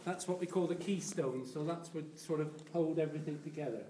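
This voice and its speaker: A man working as a cathedral tour guide, explaining things informally and in a halting, unscripted way. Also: on the high side, mellow, a little hiss or hum.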